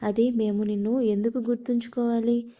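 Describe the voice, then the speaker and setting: A woman's voice: a little high, moderate pace, close to an everyday voice. Teasing brother, read by a woman. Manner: flat, even reading of lines. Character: teasing young man, protective brother.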